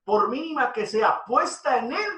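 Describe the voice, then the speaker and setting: High bright-voiced man preaching. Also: expressive, a little slow, roomy sound, distant mic, low-quality recording. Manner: earnest preaching, voice rising when quoting scripture. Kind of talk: devotional sermon.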